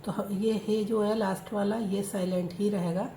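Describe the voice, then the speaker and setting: A woman teaching a reading lesson, spelling out letters slowly and then joining them into words. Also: mid-range voice, fairly even intonation, dark tone. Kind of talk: slow spoken reading lesson. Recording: echoey room with faint noise.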